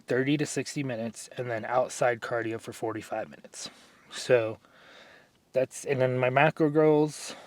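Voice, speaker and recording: A man vlogs about his workouts in a loose, rambling way, leaning on "like" and "right?". His voice sits in a middle range. The sound is dry and close, with no room echo. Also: mid-range voice. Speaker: fitness vlogger. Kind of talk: casual vlog talk to camera.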